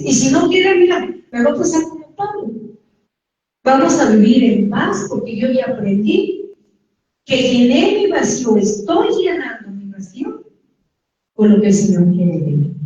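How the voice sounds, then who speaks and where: A woman's voice: fairly high pitch, expressive, moderate pace, pauses often, mellow. A woman with a Mexican accent giving a church testimony, talking directly to listeners in a conversational way. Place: church hall. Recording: echoey church hall, distant dull mic.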